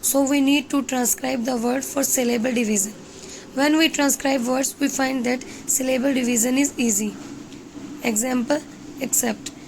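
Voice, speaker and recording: A woman teaching an English lesson, explaining slowly and mixing in Hindi. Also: high voice, slight background noise.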